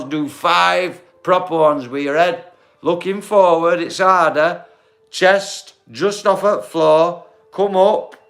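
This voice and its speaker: A man in his forties with a slightly high, slightly bright voice runs a casual livestream on a phone. Blunt and swearing, he's matey with viewers, calling them mate and bro.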